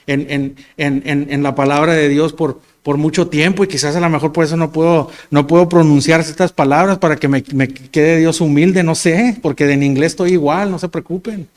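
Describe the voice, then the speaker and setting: Man in his forties preaching. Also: a little high. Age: 40s. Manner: conversational, self-deprecating, storytelling with stumbles and repeats. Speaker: pastor. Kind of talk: sermon.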